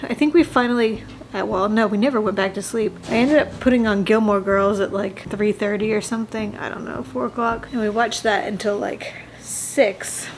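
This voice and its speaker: A woman's voice: mid-range voice, moderate pace, slight background noise. A young woman vlogging in a chatty way, a little out of breath, correcting herself and laughing between sentences. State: slightly out of breath. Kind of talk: casual personal vlog.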